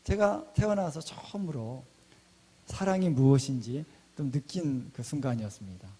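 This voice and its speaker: A middle-aged pastor preaching in a mellow, warm voice. He tells his story in a lively way and drops to a hushed tone when he quotes prayers. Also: mid-range voice, normal speed, husky. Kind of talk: sermon with personal testimony.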